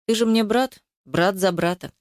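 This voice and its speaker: A woman's voice: mid-range voice, moderate pace, a little mellow, lightly acted. A wry, loyal older brother, played by a woman reader, talking dry and plain, barely off her own voice. The voice is close, with no room echo. It is an audiobook character voice.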